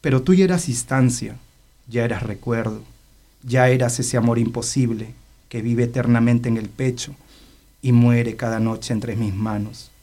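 A man's voice: mid-range voice, steady tone, normal speed, dark tone. A man, a guest poet and cultural organizer, chatting casually with fillers and then reading his poetry aloud. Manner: hesitant, fills with "o sea" and "eh".

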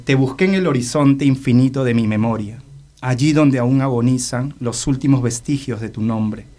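A man's voice: mid-range voice, mellow. A man, a guest poet and cultural organizer, chatting casually with fillers and then reading his poetry aloud. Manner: hesitant, fills with "o sea" and "eh".

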